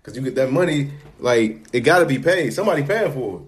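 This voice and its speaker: A man's voice: medium pitch, animated, quick pace. A young man hosting a casual podcast conversation, loose and slangy, swearing freely as he talks. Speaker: podcast host.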